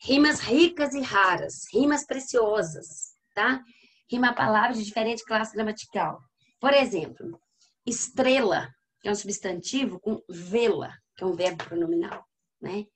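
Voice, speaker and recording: A woman's voice: mid-range voice, husky. A woman with a Brazilian accent giving a literature lecture to her class, explaining and often checking in with questions. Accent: Brazilian Portuguese. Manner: reads poems aloud slowly. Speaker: literature teacher. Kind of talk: classroom lecture over slides.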